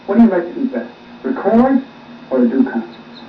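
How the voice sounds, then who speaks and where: A man's voice: high-pitched, big pitch swings, moderate pace, echoey room, distant mic, dull audio, slight background noise. A man asking questions as an interviewer, on a recording that sounds like old worn tape.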